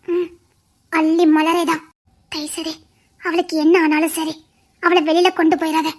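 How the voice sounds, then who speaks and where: A woman's voice: extremely high pitch, flat delivery, moderate pace. A woman voicing a grieving mother who lost her twin babies, speaking in an earnest, insistent and soothing way in an amateur audio drama.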